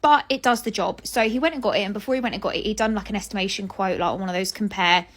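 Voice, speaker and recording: A woman's voice: medium pitch, rapid-fire, fairly bright tone, breathy edge. Chatty young British woman venting. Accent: British English. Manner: chatty, exasperated, swears casually. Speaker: vlogger. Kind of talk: casual storytelling to camera.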